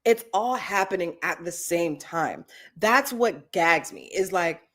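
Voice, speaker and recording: A woman, hosting a live chat show and telling casual stories with big swings in pitch. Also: lively intonation, a little slow, a bit bright. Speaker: host. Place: Los Angeles.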